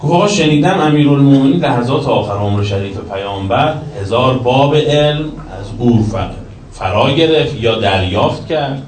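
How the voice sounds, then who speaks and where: A man giving a religious sermon, shifting between emphatic raised lines and quiet lowered passages. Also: lively intonation. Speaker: cleric lecturing. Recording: roomy echo, distant from the mic, faint background noise.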